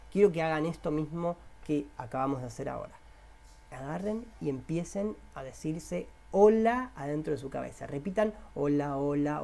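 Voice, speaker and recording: A man's voice: fairly high pitch, vocal fry, darkish tone. A man with a Rioplatense Spanish accent, a self-help coach leading a guided inner-voice exercise, repeating prompts and coaxing listeners directly.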